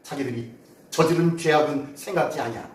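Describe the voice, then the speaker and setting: A man's voice: a little high, a little fast. A male pastor preaching a Sunday sermon in a church, urging the congregation on and acting out cries to God. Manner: dramatic, exhorting preacher who acts out prayers. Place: church sanctuary. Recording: echoey church, voice far from mic.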